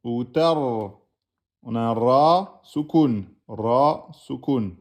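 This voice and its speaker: For a French-speaking audience, a man teaches the Arabic alphabet, patiently correcting written exercises and spelling out every letter and vowel aloud. His mid-range voice is darkish in tone and extremely slow.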